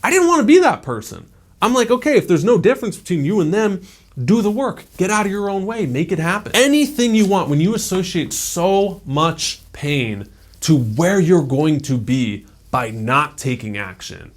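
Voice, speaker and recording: A man's voice: sits high, big pitch swings, normal speed. Casual motivational man in his thirties. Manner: casual, conversational, peppered with "like" and "right?". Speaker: self-improvement YouTuber. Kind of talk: motivational talk to camera.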